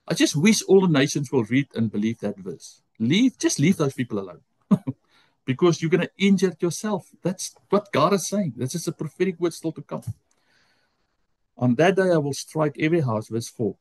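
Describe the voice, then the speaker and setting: Teaching Bible college over a video call, a man with Afrikaans as his first language reads scripture in an Afrikaans-accented voice. He goes slowly and keeps halting to correct himself. His voice is medium-pitched and a little mellow, recorded without echo.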